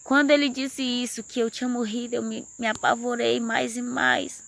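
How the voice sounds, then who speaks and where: A woman's voice: fairly high pitch, level tone, moderate pace, creaky, a bit bright. A woman earnestly telling a personal religious testimony. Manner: earnest storytelling, rising intensity. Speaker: testimony speaker.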